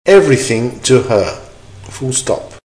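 Slow-paced man reading out a dictation. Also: medium pitch, very animated, darkish tone, rough recording. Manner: deliberate, measured phrasing in short segments. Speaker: language teacher giving dictation. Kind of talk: slow repeated dictation exercise, reading punctuation aloud.

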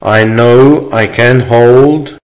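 A man reading an English-lesson dictation aloud in short, deliberate, carefully measured phrases, repeating them and speaking the punctuation. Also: medium pitch, darkish tone, poor audio. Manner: deliberate, measured enunciation with pauses. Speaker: language teacher reading dictation.

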